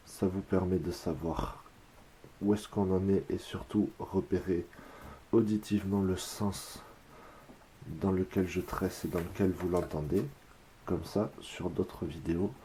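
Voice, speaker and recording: A man from France calmly explaining a craft step by step, counting his braiding moves aloud as he works. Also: sits low, a little hiss or hum. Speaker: whip-making instructor.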